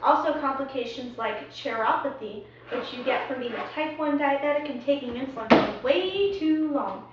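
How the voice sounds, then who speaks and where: Playful high-voiced young woman, echoey room. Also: expressive, normal speed, few pauses, background noise. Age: young adult. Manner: playful, singsong, chatty explaining. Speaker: student presenter. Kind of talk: casual student video skit. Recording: echoey room, far from a dull mic.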